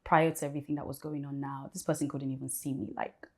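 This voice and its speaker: Brief: woman, 30s, podcast guest; deep and creaky, reflective, candid testimony. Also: little pitch movement, fast. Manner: earnest, reflective, laughs lightly between thoughts. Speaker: guest sharing her testimony. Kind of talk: candid personal storytelling.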